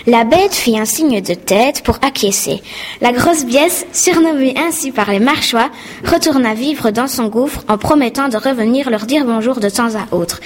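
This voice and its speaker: A woman narrating a children's storybook in a clear reading voice. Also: fairly high pitch, expressive, a little slow. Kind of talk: scripted narration.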